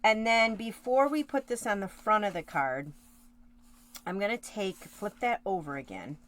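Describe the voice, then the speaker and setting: A woman with an expressive mid-range voice runs a casual card-making session at a measured pace. She chats with her live viewers while working, wandering into asides and correcting herself along the way.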